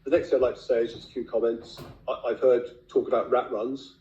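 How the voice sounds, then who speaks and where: A man with a hoarse, raspy, failing voice, speaking bluntly as a councillor at a formal meeting. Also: medium pitch, steady tone, quick pace, warm tone, slight background noise. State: losing his voice. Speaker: county councillor. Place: indoor council meeting room. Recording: echoey meeting room, muffled lo-fi sound.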